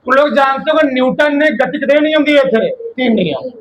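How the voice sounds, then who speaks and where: High-voiced man teaching a physics class. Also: normal speed, rough recording. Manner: quizzes students with rhetorical questions; colloquial, addresses listeners as brother.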